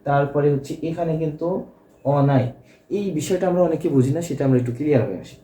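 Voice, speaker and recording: A man's voice: fairly high pitch, quick pace, mellow, echoey room. A man teaching a grammar lesson, explaining step by step and checking that students follow. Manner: explanatory, repeats key points and checks with "ঠিক আছে?".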